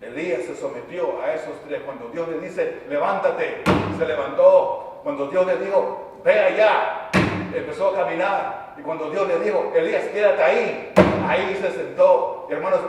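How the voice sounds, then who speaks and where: Man, pastor, impassioned sermon, high voice, long church reverb. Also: moderate pace, background noise. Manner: impassioned preaching, swinging from quiet to shouting. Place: church sanctuary. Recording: echoey church hall from far off.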